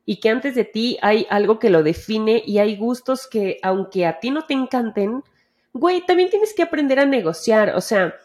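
A woman's voice: fairly high pitch, expressive, normal speed, darkish tone. A woman with a Mexican Spanish accent in casual chat, talking candidly with lots of slang and swearing, acting out bits of dialogue. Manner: acts out quoted dialogue.

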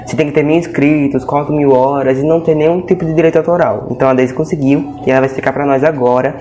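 A man's voice: on the high side, steady tone, quick pace, mellow, a little hiss or hum. A man with a Brazilian Portuguese accent hosting a casual podcast, chatty and repeating little checks to the listener. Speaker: podcast host.

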